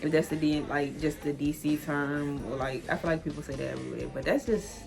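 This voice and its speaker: A chatty woman in her 20s from Washington, D.C., vlogs a casual solo explainer over music. Her low-pitched, gravelly voice holds a steady tone at a brisk pace, loose and full of "like" fillers and easy laughter.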